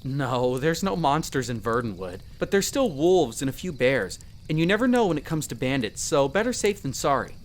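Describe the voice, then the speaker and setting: In a roleplay audio drama, a performer voices a friendly, protective young elf explorer who chats to the listener in a warm, reassuring way. The voice is medium-pitched and sing-song, close to everyday speech, at a moderate pace with hardly any pauses and a slight hiss or hum.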